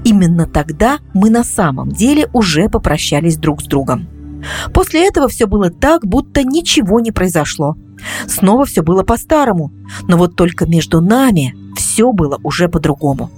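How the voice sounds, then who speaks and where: A woman reading a first-person story aloud as an audiobook in a confessional, calmly explaining way. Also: fairly low pitch, moderate pace, faint music behind. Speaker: audiobook narrator.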